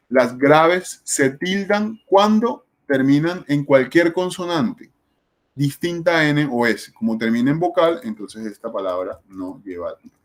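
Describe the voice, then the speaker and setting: A man teaching a spelling lesson, explaining step by step and asking questions, then answering them himself. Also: mid-range voice.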